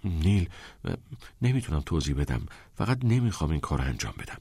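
A man's voice: very deep voice, sing-song, breathy edge, dry recording, heavily acted. A man doing a shy, stammering schoolboy. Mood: timid. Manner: hesitant, stammering, quiet. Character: shy, timid teenage schoolboy.

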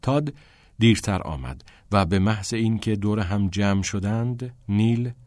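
Brief: low male narrator, measured, dry close sound. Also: lively intonation, a little mellow, no echo. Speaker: audiobook narrator. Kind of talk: scripted narration.

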